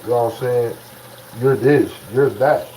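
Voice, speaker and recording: A beatmaker from Ohio talks to the camera in a casual rant, using loose, slangy language as he preaches his views. His voice is medium-pitched and a little slow, with heavy background noise behind him.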